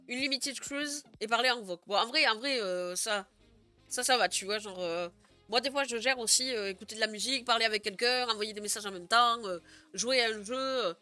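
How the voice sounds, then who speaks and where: Young woman streaming, chatty and giggly, bright slightly high voice, soft music going behind her. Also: a little fast. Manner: chatty, giggly, many fillers. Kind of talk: casual live stream chat.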